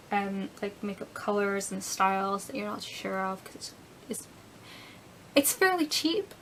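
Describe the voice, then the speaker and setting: A woman's voice: medium pitch, slight background noise, rough recording. A young woman chatting casually through a beauty product review, rambling a bit and dropping into whispered asides. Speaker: beauty vlogger.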